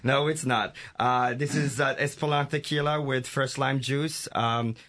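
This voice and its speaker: A man from Morocco, a head mixologist answering interview questions in a halting way, with many fillers and easy laughs. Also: mid-range voice, fairly even intonation, a bit bright. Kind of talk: casual radio interview.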